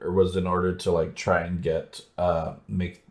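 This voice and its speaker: Low-voiced guy on a book podcast, chatty, lots of likes and ums. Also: flat delivery, moderate pace, a little mellow. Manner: chatty, rambling with fillers. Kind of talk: casual chat.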